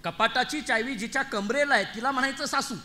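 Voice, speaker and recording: A man's voice: very high-pitched, fairly quick, bright, forceful tone. A man voicing a bossy older mother-in-law who keeps the house keys, scolding and self-important. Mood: smug.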